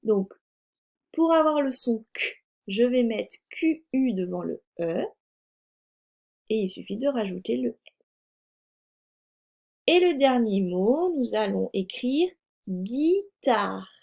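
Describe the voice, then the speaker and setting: A woman teacher leads a reading lesson for young children in a fairly high voice. She talks slowly and patiently, repeating each word and spelling it out letter by letter. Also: very animated, creaky, a little mellow. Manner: slow, careful dictation, spelling out letters; patient, explains and repeats words. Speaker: first-grade teacher.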